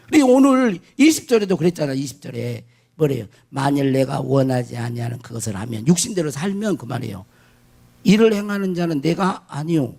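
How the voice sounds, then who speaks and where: A pastor preaches to his congregation in a high, husky male voice. His pitch leaps around in wide, lively arcs. He asks the room questions and answers them himself, dropping to near silence and then rising to a shout. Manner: swings between hushed asides and shouted declarations. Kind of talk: sermon.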